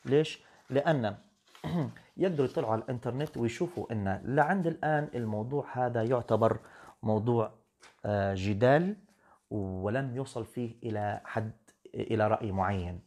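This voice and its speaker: An English teacher on a live stream answers comments in a firm, lecturing manner, occasionally slipping into English. His voice is medium-pitched and darkish, and he speaks fairly quickly.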